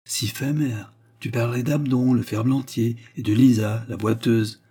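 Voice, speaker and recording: A man's voice: medium pitch, fairly even intonation, unhurried, dark tone, breathy edge. A man voicing a polite but stubborn young man defending himself. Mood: earnest.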